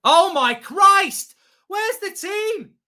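Casting: middle-aged male football fan host, long shouted goal yells, bright forceful voice. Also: extremely high pitch, expressive, very slow. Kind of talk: excited fan reaction commentary. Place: indoor streaming studio.

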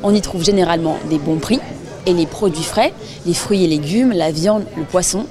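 A young woman presenting and interviewing with a clear, friendly delivery, recorded outdoors on a handheld mic. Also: on the low side, normal speed, crowd noise. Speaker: host and street interviewer. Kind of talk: scripted presenting and street interviews.

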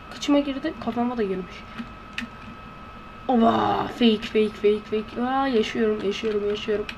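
A woman giving let's-play commentary in a hushed voice, blurting excitable reactions and slang while playing. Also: mid-range voice, background noise. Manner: talking in a hushed voice. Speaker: gameplay commentator. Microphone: close to a desk microphone.

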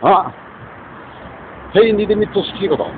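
A man's voice: high-pitched, lively intonation, moderate pace. A man from South Korea delivering a disjointed, repetitive rambling rant as a vlogger. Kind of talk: rambling spoken monologue. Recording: tinny phone-like recording with faint noise.

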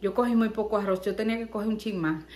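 A young Dominican woman with a Dominican Spanish accent, telling a story as a vlogger in a chatty, animated, exclamatory way and acting out the voices she quotes, recorded in her home kitchen. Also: medium pitch, quick pace, roomy sound.

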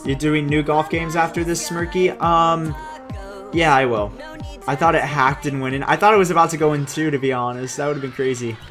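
A young man live-streaming a game, chatting casually, thanking viewers and reading the chat aloud in an excitable way. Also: on the high side, brisk, faint music behind.

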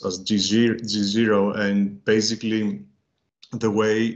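A low, flat-voiced man works through a technical presentation, stopping and restarting often and leaning on fillers. His audio sounds dull and lo-fi, like a video call stream. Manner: halting, many fillers and restarts. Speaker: workshop speaker.

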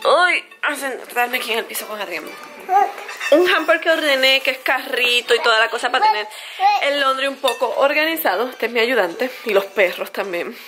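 A chatty woman with a high, expressive voice vlogs to camera at a normal pace, talking to viewers like friends while music plays underneath. It's a casual family vlog shot at home and at an outdoor café. The handheld camera is held at arm's length, giving a noisy home recording.

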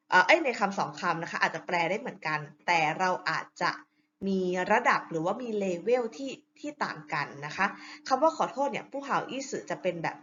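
A woman teaching a Chinese lesson in a chatty, polite style with many fillers and soft sentence endings. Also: mid-range voice. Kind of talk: online lesson explanation. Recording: slightly dull audio, faint hiss.

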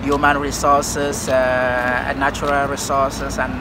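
A middle-aged man from Cameroon, a civil society leader, answering interview questions on a park bench, pausing often to search for words. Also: mid-range voice, monotone. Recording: outdoor park with traffic noise.

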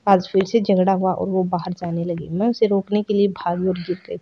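A woman's voice: on the low side, little pitch movement, brisk, slight background noise, natural voice. A woman voicing a lonely, tearful young housewife who speaks in a sad, complaining tone. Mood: troubled. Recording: dull lo-fi recording.

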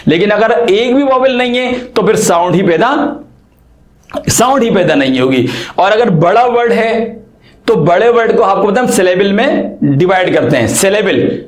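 A man's voice: high voice, animated, moderate pace, echoey room. A man teaching an English grammar lesson in a casual, chatty way, asking rhetorical questions.

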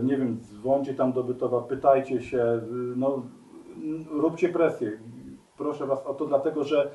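A man speaking straight to his viewers, earnest and appealing, often pausing on fillers and restarts. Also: mid-range voice, mellow, reverberant, recorded from a distance, rough recording. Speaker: commentator. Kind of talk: spoken video commentary.

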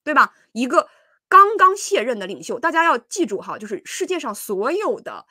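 A woman's voice: high-pitched, very animated, moderate pace, sharp tone, no room sound, studio quality. A woman hosting a livestream of political commentary, talking casually with many fillers and restarts and breaking into scolding asides.

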